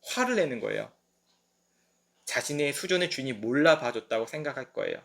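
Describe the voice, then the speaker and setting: A young man preaching at a midweek service, telling the story with lively, acted-out asides. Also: mid-range voice, a little fast, creaky. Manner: lively storytelling that acts out quoted voices. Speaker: pastor.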